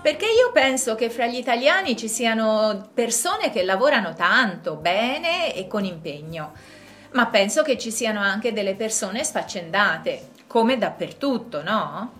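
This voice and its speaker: A woman speaking in a clear, measured way in a scripted dialogue for language learners. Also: fairly high pitch, big pitch swings, fairly bright tone, faint music behind. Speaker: dialogue partner in a language lesson.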